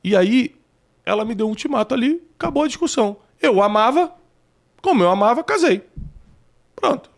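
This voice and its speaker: A man in his forties with a Brazilian Portuguese accent, hosting a casual interview and telling personal stories, breaking into loud, high bursts at the punchlines. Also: lively intonation, a little fast, creaky, pauses often. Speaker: host.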